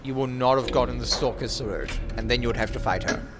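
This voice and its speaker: A man's voice: mid-range voice, brisk. A man giving casual commentary as he plays a video game. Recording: game sounds and noise behind voice.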